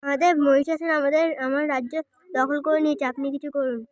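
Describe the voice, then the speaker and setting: A woman voicing a distressed goddess queen who loudly begs for help in a homemade mythological drama. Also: high voice, fairly even intonation, fast talker, dry recording, studio quality, lightly acted. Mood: desperate.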